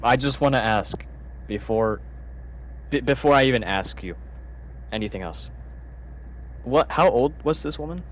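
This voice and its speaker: A man's voice: mid-range voice, animated, normal speed, long pauses, low-quality recording. A young man in casual, slangy chat who tends to repeat his words and phrases.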